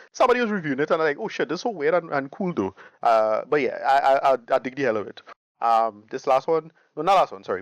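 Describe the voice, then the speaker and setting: A medium-pitched man co-hosts a podcast, casually chatting and reviewing his favourite games. He restarts phrases a lot and leans on enthusiastic slang. There's no echo and the high frequencies are cut off.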